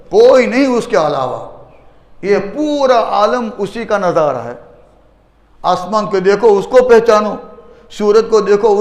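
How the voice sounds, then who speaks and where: A man giving a Friday sermon as a mufti in a mosque, driving points home with rhetorical questions and repeated phrases. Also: high voice. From India. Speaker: mufti preacher. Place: mosque hall. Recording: echoey mosque hall reverb.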